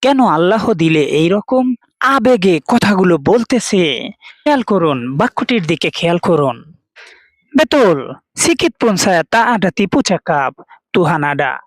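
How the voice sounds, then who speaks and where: A woman's voice: lowish voice, big pitch swings, measured pace, no echo. A woman from Bangladesh, patiently teaching words and explaining each one in turn. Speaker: language teacher. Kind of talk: slow explanatory lesson.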